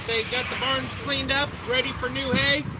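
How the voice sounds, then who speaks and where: A man's voice: very high-pitched, flat delivery, moderate pace. A man talking in a casual, folksy, plain-spoken way as he helps run an outdoor auction. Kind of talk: casual sale announcements. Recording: very noisy outdoor recording, vehicle noise.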